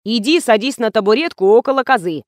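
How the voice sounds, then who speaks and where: A woman voicing a hot-tempered male TV director who barks orders and yells at his crew, in a storybook reading. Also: fairly high pitch, lively intonation, dry recording, studio quality, close to an everyday voice. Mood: bossy. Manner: yelling, bossy, quick-tempered.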